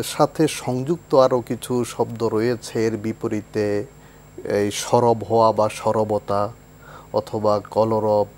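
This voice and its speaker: A man's voice: medium pitch, darkish tone. A man from Bangladesh, a guest scholar, explaining religious ideas in a thoughtful way and reciting Arabic phrases.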